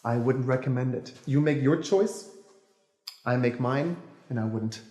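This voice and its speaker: A man's voice: medium pitch, a little slow, warm tone, reverberant, big-room sound, a little hiss or hum, lightly acted. Bitter sarcastic ranting man, played by an actor. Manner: sarcastic, ranting, self-correcting, nervous laughs. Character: bitter, cynical adult man ranting about lost faith. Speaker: actor in a stage-style monologue. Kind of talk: dramatic monologue.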